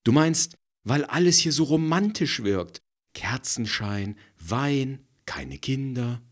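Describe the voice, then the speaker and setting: A man voicing a jealous married woman who is assertive and emphatic. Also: expressive. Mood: teasing. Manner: emphatic, quick, rising pitch when heated.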